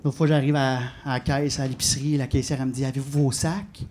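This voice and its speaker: A man's voice: medium pitch, level tone, quick pace, background noise. A man with a Québécois French accent doing live stand-up comedy, telling self-mocking stories and confiding in the crowd. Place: comedy club stage before a live audience. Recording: live show with loud audience laughter.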